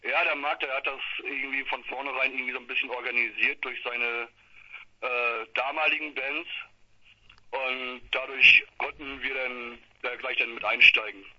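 A man's voice: mid-range voice, fairly even intonation, normal speed, husky, dull audio. A man of thirty-nine, a band member giving laid-back, brief answers in an interview. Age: 30s. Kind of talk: casual interview.

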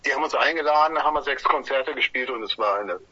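A man's voice: mid-range voice, fast, bright, forceful tone, husky, no echo, highs cut off. A man in a band telling about a tour in a radio interview, enthusiastic and full of filler sounds. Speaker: band musician guest.

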